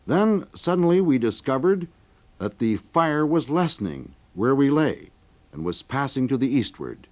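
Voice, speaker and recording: Man reading a dramatic first-person historical account as a documentary narrator. His pitch moves in a lively way, climbing for vivid moments. His voice sits in an ordinary middle register. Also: a little slow.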